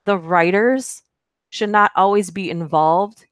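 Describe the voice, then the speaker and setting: A woman with a smooth, medium-pitched voice takes her time as she hosts a live stream for her horror narration channel, casually chatting, reading comments from viewers, and rambling with fillers and giggles. The audio is clean studio sound with no echo.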